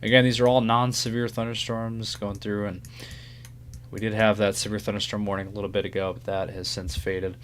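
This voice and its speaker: Lowish-voiced man hosting live weather coverage. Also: level tone, a little fast, a bit bright. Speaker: severe weather livestream host. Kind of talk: casual unscripted live weather commentary. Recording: faint background hum.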